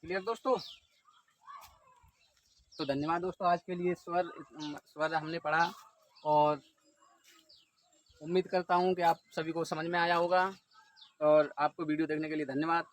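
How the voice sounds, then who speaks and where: Speaking in a slightly high voice with a flat delivery, a man teaches an exam-prep lesson at a moderate pace, pausing often. He answers his own questions and stretches words out to illustrate calling someone, while birds sing amid outdoor noise.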